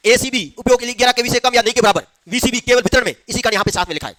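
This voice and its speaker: A man's voice: extremely high pitch, very fast, a bit bright, dry recording. A male teacher giving a classroom lecture, asking the class questions and answering them himself. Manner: quizzes the class, answers his own questions.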